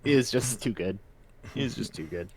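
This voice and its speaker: A man's voice: medium pitch, expressive, brisk, slightly rough. A man co-casting a live esports match, laid-back and a little wry. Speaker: esports co-caster.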